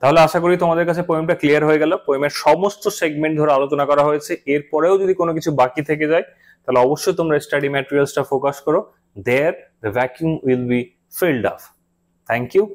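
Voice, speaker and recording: A man gives an exam-prep lecture in a somewhat high voice. He talks straight to his students and mixes in English phrases. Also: a little fast. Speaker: teacher.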